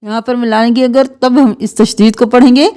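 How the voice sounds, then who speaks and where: A woman teaching Quran pronunciation, reciting verses slowly and then explaining the correct sounds in quick asides. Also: fairly high pitch, fairly even intonation, mellow, clear, resonant tone. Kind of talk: tajweed lesson with slow recitation.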